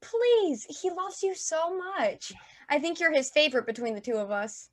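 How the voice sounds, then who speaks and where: A woman reading a giddy, high-voiced mother. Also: animated, normal speed. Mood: anxious. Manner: bubbly, flustered, playful. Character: Robin, a giddy, theatrical middle-aged mother. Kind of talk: play reading over video call. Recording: video call audio.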